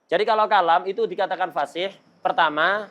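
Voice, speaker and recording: A middle-aged male religious teacher lectures a class in a loose, joking tone. His voice sits a little higher than most men's, and Arabic terms run through his everyday talk. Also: brisk, fairly bright tone.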